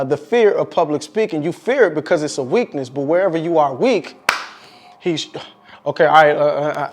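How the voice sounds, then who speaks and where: Fervent high-voiced male speaking coach. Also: darkish tone. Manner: fervent, preacher-like, with "come on" call-outs and stammered restarts. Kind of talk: faith-based motivational talk. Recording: clear music bed under voice. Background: music.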